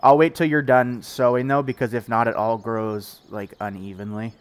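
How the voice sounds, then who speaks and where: A man's voice: mid-range voice, flat delivery, moderate pace, clear, resonant tone, no room sound, low-quality recording. A man hosting a live game stream, talking casually with a stuffed-up morning voice and rambling with fillers and restarts. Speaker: streamer playing a farming game with friends.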